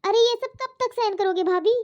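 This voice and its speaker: A spirited young cartoon daughter, voiced by a woman, arguing back in a very high voice. The sound is muffled and lo-fi. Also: moderate pace. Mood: protesting. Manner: protesting, argumentative. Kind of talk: cartoon voice acting. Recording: dull lo-fi audio.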